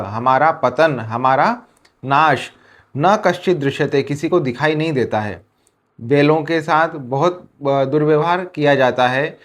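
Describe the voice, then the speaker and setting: An Indian man teaching a Sanskrit textbook lesson, reading each line and then restating it slowly several ways in Hindi. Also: fairly high pitch.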